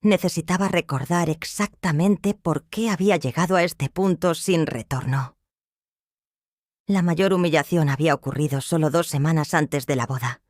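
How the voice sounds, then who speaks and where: A woman narrating a dramatic first-person story in a measured, serious way. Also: fairly low pitch, a little mellow, no echo, clean studio sound.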